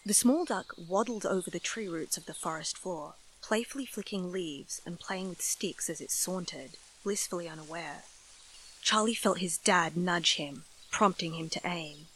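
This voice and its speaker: Bright, forceful woman narrator. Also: on the low side, moderate pace, a little hiss or hum, low-quality recording. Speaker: story narrator. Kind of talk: dramatic scripted story narration.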